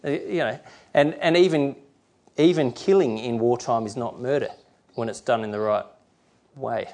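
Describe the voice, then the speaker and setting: A man's voice: medium pitch, moderate pace, a little mellow. A middle-aged man preaching a sermon in a rambling, conversational way, often restarting and acting out quotes.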